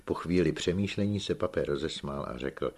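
A man reading a novel aloud as an audiobook narrator, in measured, unhurried scripted narration. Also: a bass voice, darkish tone.

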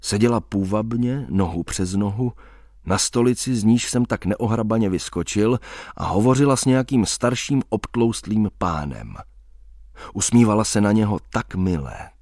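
Guy narrating a story, low voice, wry and measured, dry close sound. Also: darkish tone, no echo.

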